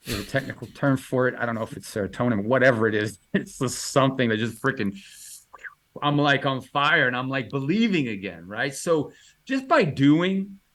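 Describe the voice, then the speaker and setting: A man's voice: mid-range voice, a bit bright. A man answering interview questions in a casual, enthusiastic way, rambling with many fillers and restarts. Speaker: illustrator guest answering questions.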